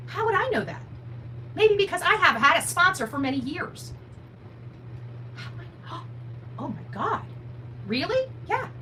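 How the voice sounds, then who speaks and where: Speaking as a livestream host and advocate commentator, a woman fires up her viewers with bright, sharp, high-voiced commentary. She's emphatic and blunt, hurling rhetorical questions with very animated intonation. Her mic sounds distant, and a faint hum sits in the background.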